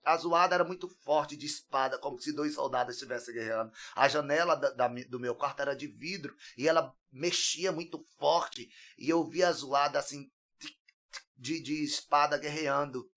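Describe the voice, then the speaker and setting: A man's voice: on the high side, normal speed. A man giving an earnest, emotional personal testimony as a podcast guest, his voice rising when he recounts crying out. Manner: earnest, tearful, grows loud when recounting.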